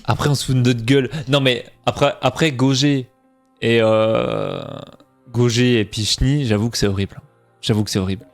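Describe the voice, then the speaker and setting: A man's voice: medium pitch, steady tone, normal speed, faint music behind. A young man from Franche-Comté with a faint Franc-Comtois French accent, chatting casually with his stream chat and mocking himself. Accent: slight Franc-Comtois French.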